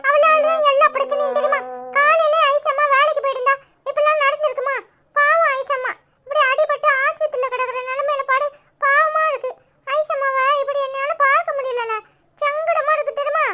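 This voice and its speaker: A woman's voice: very high-pitched, steady tone, a little fast, sharp tone. A woman voicing an upset young daughter in a cartoon who scolds her father and keeps pressing him with accusing questions. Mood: worried. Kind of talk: cartoon voice acting.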